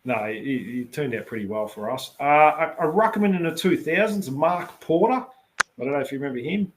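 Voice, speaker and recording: Australian male podcast host, mid-pitched, casual rambling footy talk full of ums. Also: expressive, a little fast, noisy background. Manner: rambling, fillers and restarts.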